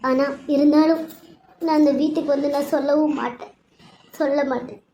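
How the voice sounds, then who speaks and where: A woman's voice: sits high, fairly even intonation, normal speed, warm tone, slight background noise. A woman voicing a wronged young pregnant wife in a cartoon serial, pleading and tearful, then grim and vengeful. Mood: defiant. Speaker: narrator voicing characters. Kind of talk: cartoon serial story voice acting.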